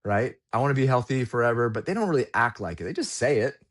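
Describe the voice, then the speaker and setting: A man's voice: mid-range voice, animated, fast talker. A man in his forties telling a personal story in a candid, reflective way, with casual slang, as a guest in a podcast conversation. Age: 40s.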